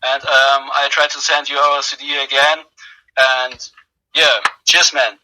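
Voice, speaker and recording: A man's voice: medium pitch, little pitch movement, measured pace, pushed and bright, a little hiss or hum, poor audio. A man who drums in a metal band, giving a casual interview while drunk, rambling with lots of hesitations and jokes. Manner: rambling, hesitant, tipsy and joking.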